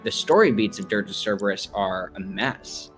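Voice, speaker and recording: A man's voice: on the low side, lively intonation, normal speed, soft background music. A man co-hosting a casual stream chat, rambling with lots of fillers. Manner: rambling, heavy use of "like". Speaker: stream co-host.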